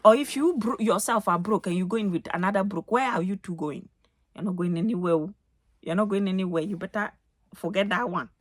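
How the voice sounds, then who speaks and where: A woman's voice: medium pitch, a little fast, dry recording. A woman speaks straight to the camera in her own home, preaching advice with heavy emphasis and repeated phrases. Her voice sits in a middle register. The recording is close and dry, with almost no room sound. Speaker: vlogger giving life advice. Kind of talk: casual advice monologue. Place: home, getting ready for the day.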